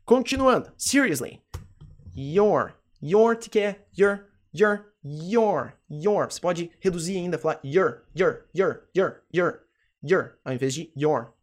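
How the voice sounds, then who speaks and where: A teacher with a Brazilian Portuguese accent giving an English lesson, repeating words slowly and checking in with "tá?" and "ok?". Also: medium pitch, lively intonation.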